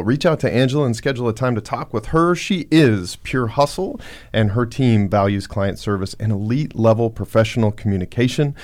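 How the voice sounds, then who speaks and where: A man with a somewhat low voice hosts a podcast. He talks earnestly, often stopping to restart a phrase, with plenty of "um" and "you know". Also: darkish tone. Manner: earnest, many fillers and restarts. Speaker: podcast host. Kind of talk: casual podcast talk.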